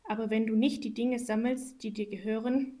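A woman's voice: fairly high pitch, fairly even intonation, moderate pace, warm tone, close to an everyday voice. Brief: woman playing a cool storybook cat, dry and sceptical. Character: cool, aloof house cat, female.

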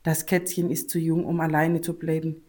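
A gentle, kind mother from a read-aloud story, soft and reassuring, as a woman reads her. The voice stays low and mellow, close to the reader's own. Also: level tone, normal speed.

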